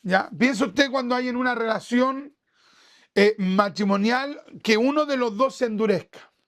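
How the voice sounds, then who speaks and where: A man's voice: extremely high pitch, normal speed, a bit bright. A man with a Chilean accent preaching a sermon at a church service, talking conversationally and asking the congregation one rhetorical question after another. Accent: Chilean Spanish. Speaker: pastor.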